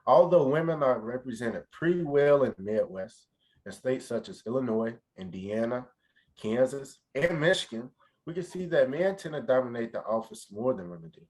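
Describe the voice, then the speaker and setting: Teen male student, animated melody, mid pitch, startup pitch presentation. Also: moderate pace, poor audio. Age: teenager.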